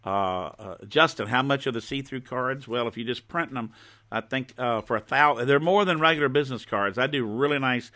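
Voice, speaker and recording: Bright-voiced man hosting casual home shopping. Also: medium pitch, brisk. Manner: folksy, informal show-and-tell. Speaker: host of a live stream selling his own goods.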